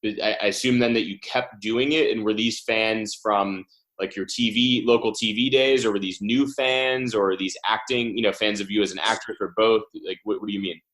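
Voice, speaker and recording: A man hosts a podcast interview and asks loose, roundabout questions that restart as he goes. His voice sits fairly low. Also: steady tone, normal speed, fairly bright tone. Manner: asks long, rambling questions, full of restarts. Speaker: podcast host. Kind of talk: interviewing a guest.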